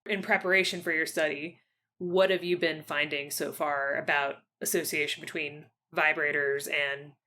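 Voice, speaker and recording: In a casual podcast-style interview, a woman with a fairly low voice that carries a bright, forward edge asks her questions haltingly and tentatively, looping back to reword them. Her pitch barely moves, and there's a faint hiss or hum.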